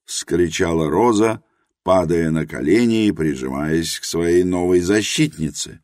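Deep-voiced man narrating an audiobook. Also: unhurried, a little mellow, no room sound, clean studio sound.

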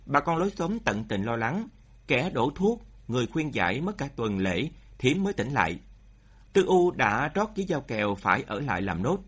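A man narrates a tale with a slightly husky, breathy tone. His pitch moves widely as he speeds through tense moments and slows for weight. The delivery is expressive storytelling. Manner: expressive, shifting pace for drama.

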